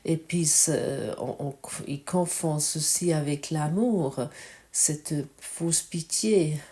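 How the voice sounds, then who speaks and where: A woman giving a spiritual teaching talk, reflective and halting, often asking the listener direct questions. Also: sits low, warm tone. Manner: searching for words, halting.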